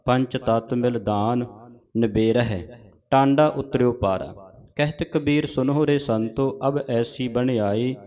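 Punjabi guy reading verses real slow, stops to fix how words are said, kinda muffled recording. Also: mid-range voice. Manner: recites verses line by line, pausing to correct pronunciation. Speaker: scripture recitation teacher. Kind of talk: slow measured recitation lesson. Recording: dull lo-fi recording.

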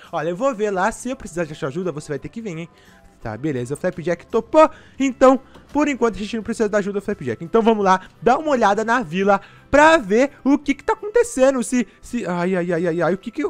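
An excitable Brazilian man narrates his gameplay to viewers with a very high-pitched voice. He sighs and frets often as he plays along. Faint music sits under his voice. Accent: Brazilian Portuguese. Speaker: gaming YouTuber. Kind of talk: playful gameplay commentary with role-play.

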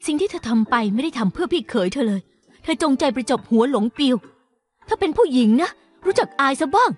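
A woman's voice: sits high, very animated, brisk. A woman dubbing a stern, reproachful older sister in a TV drama, scolding firmly. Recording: drama dub with faint music.

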